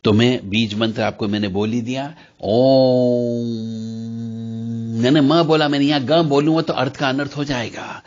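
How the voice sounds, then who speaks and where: A man's voice: mid-range voice, steady tone, a little fast, hardly any pauses, muffled recording. A man teaching how to pronounce mantras in an explanatory talk, chanting examples between his explanations. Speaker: spiritual teacher.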